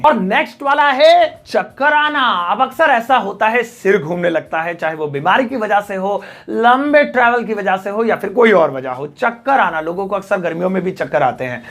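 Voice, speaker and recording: A man's voice: high-pitched, a bit bright. Hindi-speaking man teaching English words. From Delhi, India. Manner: repeats each English example slowly and deliberately. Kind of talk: spoken language lesson.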